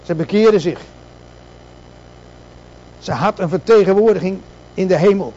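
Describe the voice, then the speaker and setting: A man's voice: sits high, a little slow, warm tone, lo-fi sound. A man preaching a sermon, asking rhetorical questions and repeating words for emphasis.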